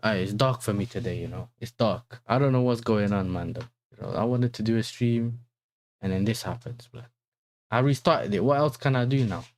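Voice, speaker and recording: A man's voice: fairly low pitch, moderate pace, a little mellow. London roadman-style man chatting on stream. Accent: London, urban street style. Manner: slangy roadman delivery, repeated tag questions. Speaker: football livestream host. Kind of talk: casual livestream chat.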